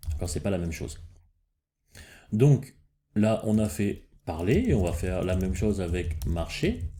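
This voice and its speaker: A man's voice: low-pitched, very animated, measured pace, mellow, a little hiss or hum. A man hosting a casual coding lesson, thinking aloud as he works, with frequent fillers and restarts. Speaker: programming tutorial host.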